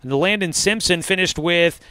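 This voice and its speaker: A man announcing high school football on the radio, recapping the game from the press box with frequent fillers. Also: moderate pace, bright, forceful tone, smooth, no room sound. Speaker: play-by-play announcer. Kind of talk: radio sports commentary.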